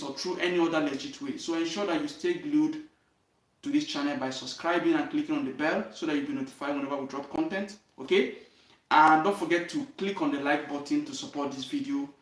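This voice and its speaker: A young man with a Nigerian accent tells his own story straight to his viewers. His voice sits slightly high and his delivery is earnest, dotted with "okay?" and "you understand?". He sounds set back from the mic in a roomy, echoing space. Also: fairly even intonation, fairly quick. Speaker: channel host. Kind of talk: direct-to-camera life story talk. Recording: roomy echo, voice from a distance.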